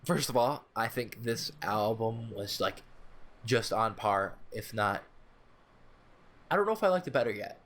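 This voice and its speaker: A young man from the United States co-hosting a casual podcast, rambling with frequent restarts and quick asides. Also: on the low side, animated, a bit bright. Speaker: podcast co-host. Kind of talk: casual chat.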